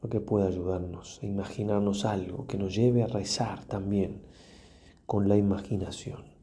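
A man, a priest with an Argentine Spanish accent, leading a calm, measured guided meditation that often sinks to a soft near-whisper. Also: on the low side.

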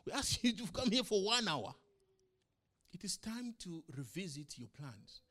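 A middle-aged non-native English-speaking pastor delivers a sermon to his church full of forceful rhetorical questions, alternating loud and soft passages. His voice sits high and is very animated, yet his pace stays unhurried.

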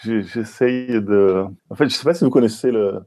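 A man who is the guest author on a podcast, speaking in a halting, self-deprecating way. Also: on the low side, dark tone. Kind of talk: podcast interview.

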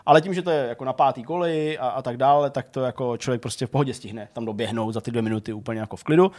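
A man's voice: mid-range voice, a little mellow. Casual co-host, man, meandering anecdotes, midrange voice. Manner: rambling storyteller, heavy with fillers. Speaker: podcast co-host. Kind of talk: casual chat.

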